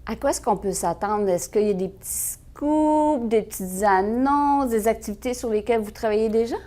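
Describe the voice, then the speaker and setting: A woman's voice: a little high, normal speed, dark tone. A woman interviewing a guest, asking curious questions in a playful way. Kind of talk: local radio interview.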